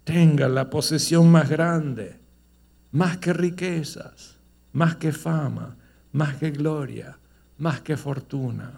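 A man's voice: fairly high pitch, takes it slowly, darkish tone. A man preaching, moving from storytelling into emphatic rhetorical questions. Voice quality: gravelly. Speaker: pastor. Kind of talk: sermon.

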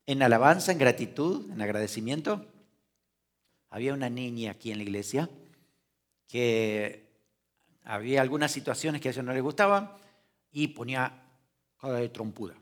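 A male pastor preaching a sermon in a church, swinging from soft, quiet passages to loud, emphatic lines and asking the congregation questions. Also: medium pitch, lively intonation, moderate pace, long pauses. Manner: asks the congregation rhetorical questions.

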